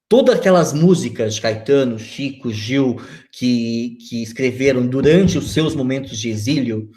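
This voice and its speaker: A man's voice: medium pitch, dark tone. A Brazilian man in his forties, a guest on a video-call interview, talking reflectively with many fillers and restarts. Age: 40s.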